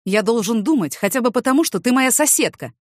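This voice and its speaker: A woman's voice: a little high, animated, fairly quick, no room sound, studio quality. A woman voicing a blunt, teasing young male boxer who fires off mocking retorts.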